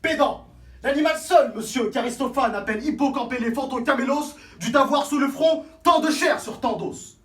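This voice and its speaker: Proud witty swordsman, hammy stage verse declamation, high voice, flamboyant, distant mic. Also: very animated, normal speed. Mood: aggressive, pompous. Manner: hammy, flamboyant, swinging from hushed to bellowed. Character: proud, witty swordsman Cyrano de Bergerac mocking his own nose. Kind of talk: theatrical verse declamation, classical French stage acting. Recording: roomy echo, distant microphone, faint noise.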